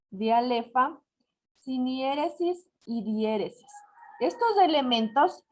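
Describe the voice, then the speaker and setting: A woman teacher with an Ecuadorian Spanish accent explaining a lesson step by step, slowing down on examples and checking that her students follow. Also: high-pitched, a little mellow. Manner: didactic, slows to spell out examples, asks "¿ya?" to check understanding. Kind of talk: recorded lesson explaining syllable counting.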